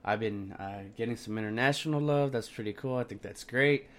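A man's voice: mid-range voice, brisk. A young man talking sports on a solo podcast in a brash, slangy, sweary frat-bro manner, sounding sick and tired.

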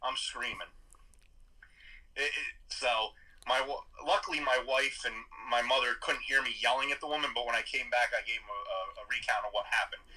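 A man telling a story in casual chat, animated and swearing freely. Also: medium pitch, brisk, low-quality recording.

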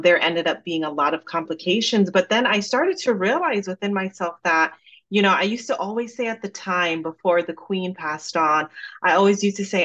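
A woman's voice: medium pitch, lo-fi sound. Woman with a light Jamaican-American accent. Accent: slight Jamaican over American. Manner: warm, storytelling, uses fillers like "you know". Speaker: dietitian guest. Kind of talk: casual interview talk.

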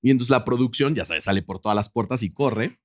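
A man's voice: mid-range voice, a little fast, dry recording, studio quality. A man, a talk-show guest and theater producer, chiming in with jokes in casual chat. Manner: playful, chimes in with jokes.

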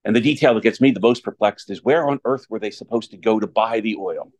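Measured male priest giving a homily. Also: on the low side, a little mellow. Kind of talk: homily and Gospel reading.

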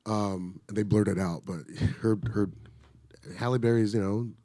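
A middle-aged man with a fairly low voice tells a story in an easygoing, animated way, swearing freely. He sounds close and dry, with no room sound. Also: moderate pace, dry recording. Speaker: actor telling a show-business story. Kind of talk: casual storytelling chat.

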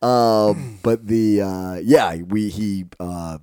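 A man's voice: lowish voice, drawn-out words, mellow, clear, resonant tone, no echo, studio quality. A man co-hosting a podcast in casual sports chat, a rambling storyteller who laughs often. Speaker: podcast co-host.

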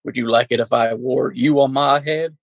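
Comedy sketch: weary, easily offended talking hat performed by a man, gravelly and full of self-pity, mid-pitched. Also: fairly even intonation, normal speed, no echo, lightly acted. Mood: indignant, grumpy. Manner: grumbling, self-pitying. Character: weary, touchy, needy talking Sorting Hat. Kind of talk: improvised comedy sketch acting.

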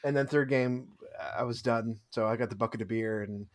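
A man's voice: medium pitch, steady tone, normal speed. Chatty man laughing through a recap. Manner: rambling, self-deprecating, laughs often. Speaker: podcast co-host. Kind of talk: casual chat recapping a tabletop tournament.

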